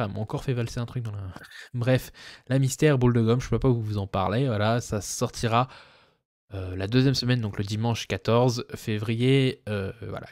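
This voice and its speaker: A man's voice: fairly low pitch, a little mellow, no room sound, clean studio sound. A man chatting casually about his monthly reading plans, rambling with many fillers and restarts. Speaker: booktuber; web developer. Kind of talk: casual book chat.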